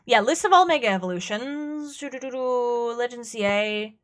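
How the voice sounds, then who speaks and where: A young woman streamer chatting casually while drawing, excitable and quick to laugh, fighting off a cold. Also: a little high. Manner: excitable, gushes and laughs a lot. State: coming down with a cold, coughing.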